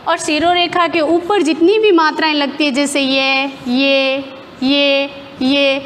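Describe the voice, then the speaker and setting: A woman's voice: sits high, fairly even intonation, measured pace, a bit bright, in a large hall, a little hiss or hum. A woman teacher explaining grammar step by step in a classroom lesson, asking questions and answering them herself.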